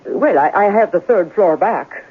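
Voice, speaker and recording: In an old-time radio drama, an actress voices a nervous, evasive middle-aged landlady whose speech is colloquial and uneducated. Her voice sits lowish with lively intonation and an unhurried, brisk, businesslike mood. The tinny, band-limited vintage radio recording carries slight background noise.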